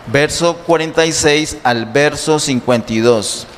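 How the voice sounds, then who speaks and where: A male pastor preaches in a fairly high voice, pausing to ask his congregation rhetorical questions. He speaks slowly and deliberately. The sound carries a long church reverb over a faint hiss. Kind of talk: sermon. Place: church sanctuary.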